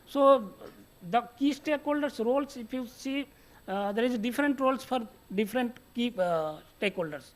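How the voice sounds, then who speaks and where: A man with an Indian accent answering on a panel in halting, list-like speech with non-standard grammar. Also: very high voice. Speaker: panelist from industry.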